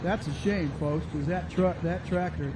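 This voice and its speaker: A man's voice: a little high, steady tone, moderate pace. A man giving casual tractor pull commentary in a folksy, informal way, thinking aloud as an announcer. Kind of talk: casual live event commentary. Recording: noisy outdoor event with vehicle sounds.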